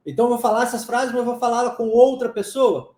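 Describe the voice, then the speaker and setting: Mellow Brazilian English teacher, echoey room. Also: medium pitch, fairly even intonation, fast talker. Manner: drills by repetition, checks understanding often. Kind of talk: live English lesson.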